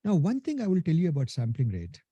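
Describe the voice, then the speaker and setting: The voice belongs to a man from India and Nepal with a thick Indian accent, a little high, mellow and husky, swinging hugely in pitch as he talks fast. The recording is dry and muffled. He's an instructor giving a casual live technical lecture, addressing "guys," asking "right?" often, and restarting sentences.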